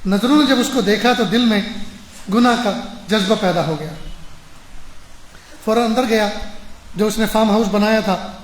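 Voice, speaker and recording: High-voiced preacher in an echoing mosque. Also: male voice, long pauses, slight background noise. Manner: emphatic, repeating phrases for stress. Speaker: maulana preacher. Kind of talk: storytelling sermon.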